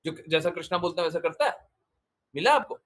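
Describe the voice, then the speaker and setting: A spiritual teacher delivers a devotional talk and takes questions, his fairly high, slightly bright voice moving fairly quickly with lively intonation. He is emphatic, repeating phrases and posing rhetorical questions.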